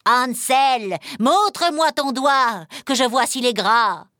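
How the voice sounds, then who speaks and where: A woman's voice: a little high, big pitch swings, a bit bright, no echo, studio quality. A woman voicing a cruel old child-eating witch in a storybook reading, barking orders and drawing out her words. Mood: scolding. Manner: barking orders, drawn-out gloating.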